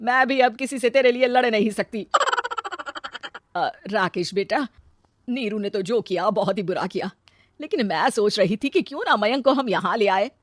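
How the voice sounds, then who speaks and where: A woman voicing a soft-hearted older mother in a cartoon story, gentle and pleading. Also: medium pitch, moderate pace, close to an everyday voice.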